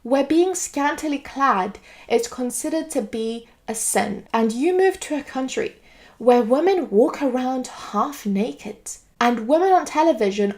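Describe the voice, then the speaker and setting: This political video commentator from Greece is a woman giving an earnest, lecturing monologue from a script, straight to camera. Her voice is slightly high with a darkish color.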